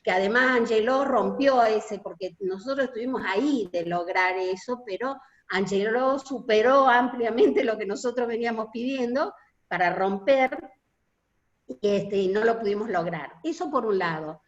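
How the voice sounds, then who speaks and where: A woman with an Argentine accent, a union delegate, earnestly recalling a protest march in an online meeting. She pauses often and fills gaps as she talks. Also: fairly high pitch, muffled recording. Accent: Argentine Spanish. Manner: hesitant, many filler pauses, earnest. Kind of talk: reminiscing testimony in an online meeting.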